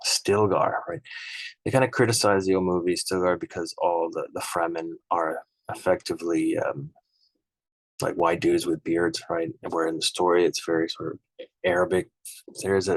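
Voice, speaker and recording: A man's voice: low voice, creaky, no room sound, low-quality recording. A man casually comparing films, rambling and conversational, frank and opinionated, often ending his points with "right?". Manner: frank and opinionated, easily irked. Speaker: film reviewer. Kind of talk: casual spoken film comparison.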